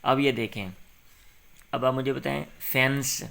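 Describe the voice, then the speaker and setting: A man's voice: mid-range voice, fairly even intonation, creaky, fairly bright tone. A man tutoring a young pupil through an English exercise, patiently saying short phrases for the pupil to repeat and then explaining them.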